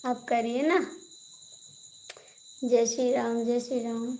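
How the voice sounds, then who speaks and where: A woman with an Awadhi accent hosting a phone live stream, calmly reading out viewer comments, thanking people and adding devotional greetings. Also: fairly high pitch, slow pace, slight background noise, low-quality recording. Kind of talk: casual live-stream chat.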